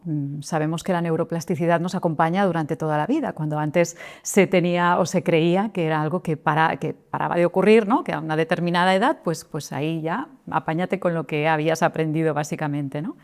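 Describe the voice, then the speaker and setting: Middle-aged woman vocal coach, lowish voice, reflective guest. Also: a little mellow. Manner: thoughtful, with frequent restarts and tag questions. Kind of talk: interview guest.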